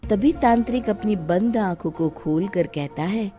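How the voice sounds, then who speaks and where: Woman storyteller: mid-pitched, expressive narration over soft music. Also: measured pace.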